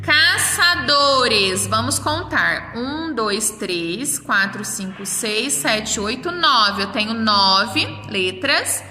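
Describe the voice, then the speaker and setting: A woman's voice: fairly high pitch, expressive, extremely slow, few pauses, sharp tone, soft background music. A woman teaching a primary school class remotely, speaking in Brazilian Portuguese, patiently sounding out and counting words for young children. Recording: roomy echo, mic at a distance.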